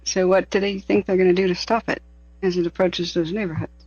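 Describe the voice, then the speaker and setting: A man with a notably high voice talks casually as a livestream host. The sound is slightly dull and lo-fi, and the commentary is loose and unscripted. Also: little pitch movement, fairly quick, a little mellow, no echo. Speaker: livestream host monitoring fire scanners.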